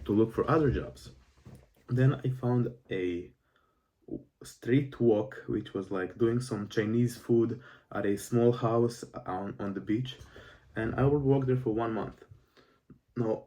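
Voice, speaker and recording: This is a nineteen-year-old man from Croatia, speaking with a Croatian accent in a fairly low, mellow voice picked up from afar. As a self-improvement vlogger talking casually to camera, he rambles earnestly about his past jobs, restarting often and leaning on fillers.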